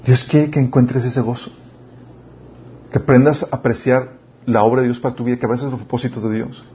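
A man's voice: mid-range voice, fairly quick, slight background noise. Young Mexican man preaching to youth. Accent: Mexican Spanish. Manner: lively storytelling preacher, talks straight to his listeners. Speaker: youth pastor. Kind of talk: sermon. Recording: dull muffled recording.

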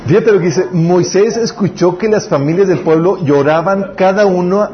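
A man preaches to young people in a loose, chatty way, often asking for agreement between scripture readings. The recording is a little dull and lo-fi, with a faint hiss underneath. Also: medium pitch. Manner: conversational, asks listeners to agree. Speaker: youth pastor. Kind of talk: casual sermon with scripture readings.

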